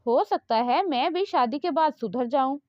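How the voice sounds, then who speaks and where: A woman voicing a sharp-tongued, teasing young army officer in a read-aloud romance novel. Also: sits high, lively intonation, dry recording. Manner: teasing, quick comebacks. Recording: dull lo-fi dry recording.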